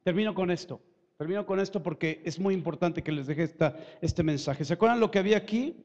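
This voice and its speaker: A quick-paced, lively sermon comes from a man preaching in a church hall, his high voice echoing with long reverb through a muffled recording. He stays emphatic and animated, cracking jokes on the side and stumbling when he repeats words.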